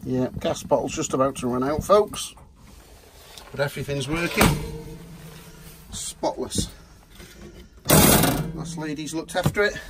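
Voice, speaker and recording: Holding a phone camera, a man gives a cheerful, chatty walkthrough of a small camper van in the style of a sales pitch. His voice is on the high side and expressive, at a measured pace with long pauses, and the recording is very noisy.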